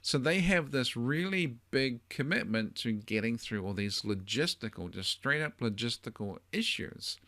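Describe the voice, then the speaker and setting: Speaking in a mid-range voice that's pushed and bright, a middle-aged man with a New Zealand accent gives relationship advice on his podcast. He's animated at a moderate pace with few pauses, yet stays thoughtful and conversational, hedging frequently with fillers.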